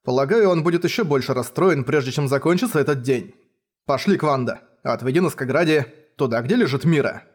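A man voicing a calm, resolute man who speaks plainly and directly. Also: mid-range voice, fairly quick, natural voice.

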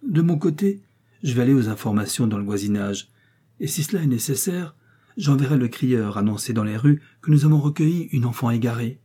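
A man's voice: medium pitch, lively intonation, brisk, mellow, slightly rough. A man doing a blunt, commonsense father. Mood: brusque. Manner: brusque, firm.

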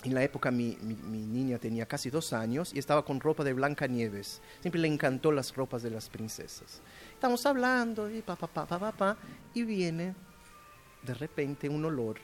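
Animated, halting male storyteller. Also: fairly high pitch, faint music behind. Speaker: guest children's book author. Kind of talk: radio interview storytelling. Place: radio studio.

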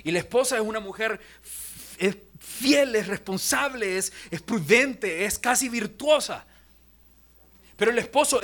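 Young male pastor, high-pitched, lively sermon delivery with acted-out asides and hushed prayer moments. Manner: animated preaching, acts out quoted voices, drops to near-whispers in prayer.

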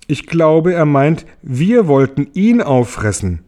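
A friendly giant ladybug speaks in a soft, comforting way, pitched well up and drawn out gently, voiced by a man reading a storybook. The tone stays mellow and warm. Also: big pitch swings, takes it slowly. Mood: gentle reassurance. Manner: soft, soothing, reassuring. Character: kindly, motherly giant ladybug. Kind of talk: audiobook character voice.

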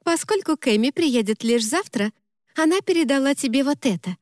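A woman's voice: high voice, expressive, moderate pace, a little mellow, no room sound, clean studio sound, voice pushed up. Brash teasing party girl, voiced by a woman. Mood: playful. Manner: exclaiming, brash, mock-scolding. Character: lively teasing young woman, bossy party friend. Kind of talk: audiobook character voicing.

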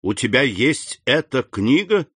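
A man voicing a grave, noble middle-aged count, calm and measured in an audiobook reading. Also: fairly low pitch, no echo, clean studio sound. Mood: intent.

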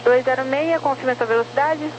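A woman's voice: high-pitched, brisk. A Brazilian woman working as an air traffic controller, giving clipped procedural instructions over crackly radio. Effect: crackly aviation radio. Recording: noisy, dull crackly radio channel.

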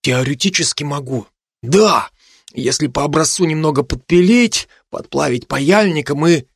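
A man's voice: fairly high pitch, moderate pace, slightly rough, dry recording, voice pushed up. Man reading a nerdy schoolboy alchemist, fussy and exact, raised voice, dry. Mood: explaining. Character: earnest schoolboy alchemist, precise and touchy.

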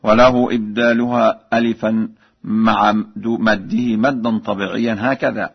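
A man explaining recitation variants in measured speech, then chanting the examples slowly and melodically, from an archival radio broadcast. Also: lowish voice, level tone, creaky, breathy edge, highs cut off. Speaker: Quran recitation teacher.

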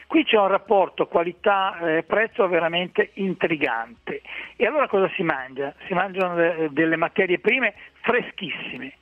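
A man's voice: high-pitched, lively intonation, normal speed, no room sound. Man, phone-in caller, chatty, explanatory, frequent restarts, tinny phone line, dry sound. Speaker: food guest on a radio show. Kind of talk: phone-in radio chat giving restaurant tips.

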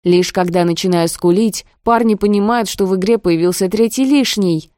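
A woman reads a first-person novel aloud in a steady, expressive storytelling voice. Her tone is mellow and warm. The recording is dry and close, with no room sound. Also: medium pitch, moderate pace, dry recording. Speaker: audiobook narrator.

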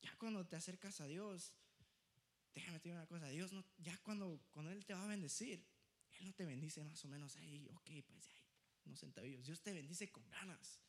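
Animated high-voiced young male preacher. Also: a little fast. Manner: animated, laughing, switches into English phrases. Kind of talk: storytelling sermon.

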